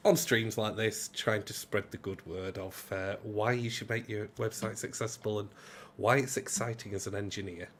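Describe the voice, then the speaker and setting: A man's voice: medium pitch, a little hiss or hum. A man guesting on a live stream introduces himself with jokes and teasing. His voice sits mid-range and his talk is casual, with fillers. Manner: joking, teasing. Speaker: head of accessibility, guest.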